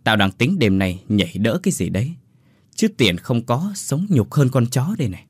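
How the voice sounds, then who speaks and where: A man voicing a boozy, impatient older male thief who talks gruffly and blusters. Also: mid-range voice, big pitch swings, normal speed, no room sound, clean studio sound.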